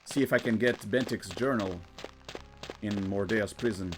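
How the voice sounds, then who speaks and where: A man giving casual game commentary, thinking aloud in a halting way and often repeating his words. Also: lowish voice, noisy background. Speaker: gamer narrating a playthrough. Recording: game music behind the voice. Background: video game music.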